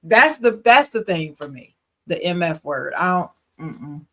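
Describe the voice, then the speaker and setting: A woman's voice: fairly low pitch, big pitch swings, a little slow, fairly bright tone. Frank, opinionated woman co-host. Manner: frank, opinionated, laughs easily. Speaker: podcast co-host. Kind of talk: casual chat.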